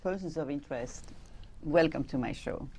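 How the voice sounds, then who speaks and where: Low-voiced woman hosting an interview. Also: normal speed. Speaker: host.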